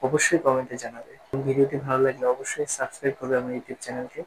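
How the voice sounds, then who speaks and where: A man's voice: mid-range voice, flat delivery, racing, slight background noise, poor audio. A man teaches a chemistry lesson step by step, posing questions and then answering them himself. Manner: explaining step by step, asks and answers own questions. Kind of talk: classroom-style lesson.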